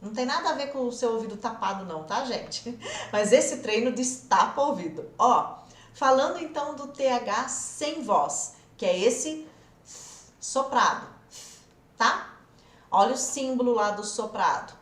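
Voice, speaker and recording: Lively Brazilian woman English teacher. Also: a little high, measured pace. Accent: Brazilian Portuguese. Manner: animated, demonstrative explaining, addresses viewers directly. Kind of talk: live online English lesson. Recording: roomy echo.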